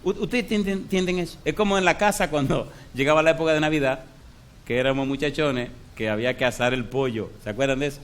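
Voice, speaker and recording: A man's voice: fairly high pitch, fast. A male pastor preaching a sermon, telling a story and firing rhetorical questions at the congregation.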